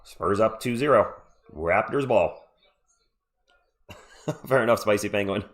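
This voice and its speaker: A little slow and expressive, his voice sits fairly low. He's a man with a cold running an easygoing live stream, calling plays and joking with whoever's watching.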